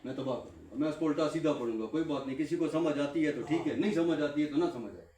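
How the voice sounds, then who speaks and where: A man's voice: a little high, mellow, slight background noise. A man giving an impassioned classroom talk to trainees, asking rhetorical questions and answering them himself with lots of repetition. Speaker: guest speaker addressing trainees. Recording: echoey room, mic far off.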